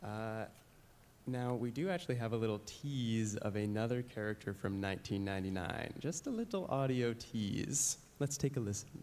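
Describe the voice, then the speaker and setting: A man's voice: lowish voice, expressive, moderate pace, darkish tone, slight background noise. Upbeat man hosting a panel. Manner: upbeat, smooth introductions. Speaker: panel host. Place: live convention stage.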